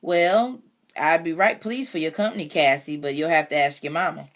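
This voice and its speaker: A woman reading aloud voices a kindly older farmhand who talks gently and plainly. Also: low voice, normal speed, natural voice.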